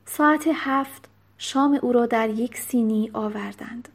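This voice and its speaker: A woman reads a novel aloud as an audiobook narrator. Her delivery is calm and measured, with a voice sitting a little higher than most women's. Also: creaky. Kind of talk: scripted storybook narration.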